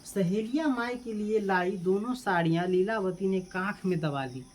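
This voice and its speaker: A woman teaches a class, reading a text line by line and then asking the students about it. Her pitch sits in an ordinary middle range. A faint hiss runs underneath her voice. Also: normal speed, a little mellow. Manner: repeats each line and quizzes students, mixing in local dialect. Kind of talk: explaining a school text to a class.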